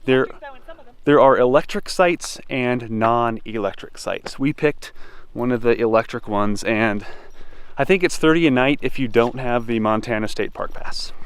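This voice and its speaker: A man's voice: medium pitch, a little slow, smooth, no echo. A man talking as a travel vlogger in a casual, unscripted, rambling way. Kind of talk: casual, chatty vlog talk.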